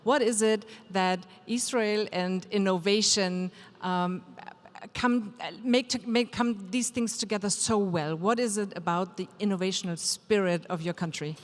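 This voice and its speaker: A woman's voice: medium pitch, steady tone, measured pace. A woman moderating a stage interview, chatty and playful, often restarting her questions. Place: large event hall. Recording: reverberant hall.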